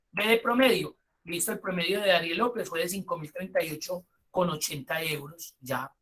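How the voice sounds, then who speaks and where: Colombian male instructor, bright voice, live-class explainer who drifts into chatty asides. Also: sits high. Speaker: spreadsheet course instructor.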